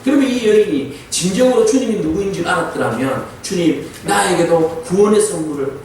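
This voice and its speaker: High, lively pastor in an echoing church. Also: male voice, brisk, a little hiss or hum. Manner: asks the congregation rhetorical questions. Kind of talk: sermon. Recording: very echoey church hall, distant mic.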